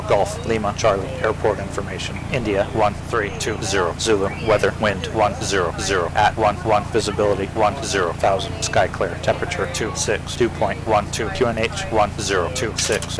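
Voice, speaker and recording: A man's voice reading an automated airport weather broadcast over the radio, in a flat, clipped, mechanical way. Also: fairly low pitch, poor audio. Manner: flat, clipped, mechanical delivery of codes and numbers. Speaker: recorded airport information service. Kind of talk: synthetic read-out of airport weather.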